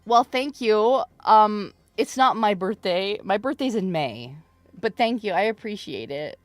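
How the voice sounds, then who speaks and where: A woman in her thirties hosting a live stream in casual chat. She teases her viewers, laughs often, and breaks into loud mock protests. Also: mid-range voice, expressive, measured pace, dry recording, faint music behind. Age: 30s. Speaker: streamer host.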